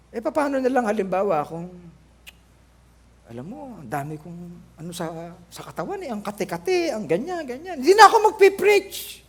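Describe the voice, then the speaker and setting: A male pastor with a Filipino accent preaching a sermon, animated and joking, mixing in English phrases, his voice lower than usual. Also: husky. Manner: animated, joking, switching between Tagalog and English. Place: church.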